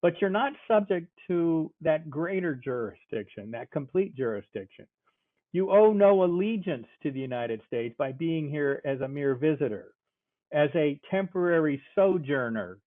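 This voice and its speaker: An older man giving a measured, explanatory talk on constitutional law over a call, pausing often with fillers. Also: on the high side, dry recording. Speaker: speaker, constitutional law scholar. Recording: tinny phone-like call audio.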